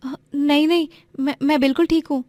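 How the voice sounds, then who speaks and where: A woman's voice: sits high, steady tone, brisk, no room sound, clean studio sound, voice pushed up, lightly acted. A woman voicing a humble young female bangle seller in a cartoon, shy and hesitant in her speech. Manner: shy, hesitant, soft-spoken. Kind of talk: Hindi cartoon voice acting.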